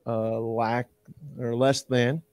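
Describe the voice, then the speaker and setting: A man's voice: medium pitch, level tone, slow pace, darkish tone, no echo. A Canadian man in his thirties, a guest band director, chatting eagerly in a loose, rambling way with many restarts. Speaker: university director of bands, guest. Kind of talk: casual interview chat.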